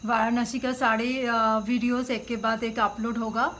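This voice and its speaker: A woman talking casually to her viewers in a relaxed vlog chat. Her voice sits a little high, and some faint noise is heard behind her. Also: normal speed. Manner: chatty, relaxed, with fillers. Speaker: vlogger.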